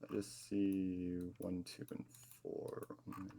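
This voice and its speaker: A man's voice: low voice, completely flat delivery, slow pace, creaky, mellow. A man in casual military game chatter, speaking hesitantly as he helps out. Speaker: player assisting with grid references.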